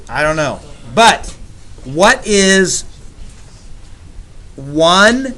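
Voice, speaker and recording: A man's voice: a little high, sharp tone. A man teaching geometry to a class, upbeat and teasing with his students, in a classroom. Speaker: math teacher. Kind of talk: classroom lecture.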